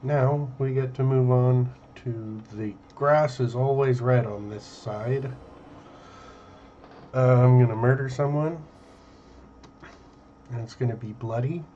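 Slow-talking deadpan young male gamer. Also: mid-range voice, slight background noise. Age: young adult. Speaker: video game streamer. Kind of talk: casual let's play commentary. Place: small room indoors. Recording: band-limited, dull webcam-setup audio. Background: faint game music.

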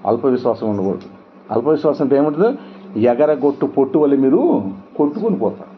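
A man's voice: medium pitch, animated, quick pace. A middle-aged male pastor preaching a sermon with emphatic rhetorical questions. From India. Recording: dull lo-fi sound with faint noise.

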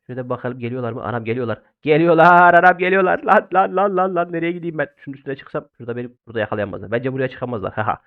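A young man doing loud, exclamatory let's-play commentary while playing an online game, swinging between shouts and low muttering. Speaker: gaming YouTuber. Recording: phone-like narrow band.

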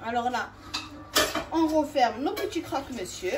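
Heavy background noise surrounds this woman as she hosts a home cooking video, talking directly to her audience and explaining each step. She sounds high-pitched and animated at a normal speed.

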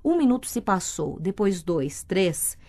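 A Brazilian woman with a mid-range voice narrates a novel as an audiobook, reading the script in a steady, measured way.

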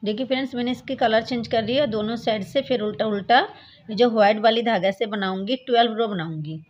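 A woman with a somewhat high voice talks through a knitting lesson step by step, patient and repetitive as she shows each move. The sound is dull and lo-fi, as from a simple home recording. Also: a little fast. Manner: patient, repeats "look, friends" while demonstrating. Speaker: craft tutorial host.

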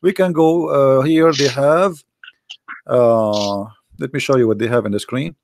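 A man from the Middle East, hoarse and losing his voice, insistently pressing rhetorical questions as host of an online debate. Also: medium pitch, a little slow, darkish tone, no echo.

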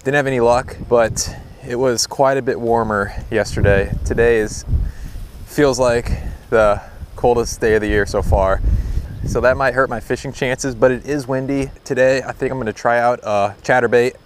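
This young American man speaks with a mid-range voice, a steady tone and a normal speed, with slight background noise. He's a fishing vlogger chatting casually and informally to camera outdoors beside a windy pond, easygoing throughout.

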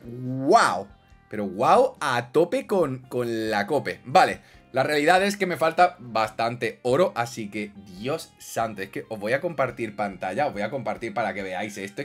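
A young man with a Spain Spanish accent doing animated gameplay commentary, exclaiming and joking with his viewers. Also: medium pitch. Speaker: gaming youtuber.

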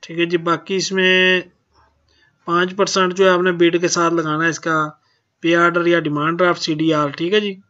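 Man, bright high voice. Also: flat delivery, moderate pace, dull audio. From Pakistan. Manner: plain, repeats "ji" often. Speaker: channel host. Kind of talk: reading out auction notices.

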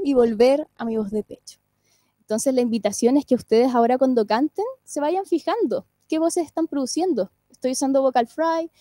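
A woman with a high, soft-toned voice lectures on singing and vocal care. She explains patiently and keeps checking in with her listeners. The sound is close and dry, with no room around it. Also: no room sound. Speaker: singing teacher and speech therapist. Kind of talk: online lecture.

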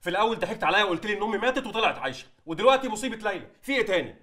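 An actor playing a young man who feels betrayed, hurling bitter accusations and shouting. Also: sits high, animated, very fast. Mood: furious. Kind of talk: TV drama acting.

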